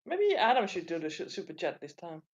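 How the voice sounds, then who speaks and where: A woman's voice: fairly low pitch, sing-song, fairly quick, slightly rough, muffled recording. A woman co-hosting a casual live panel, teasing wryly and reading viewer messages.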